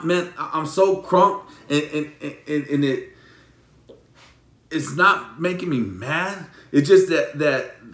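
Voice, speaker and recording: A man preaching a sermon as a pastor, emotional and repetitive, with many restarts, moving between loud preaching and hushed pleading. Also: on the high side, reverberant.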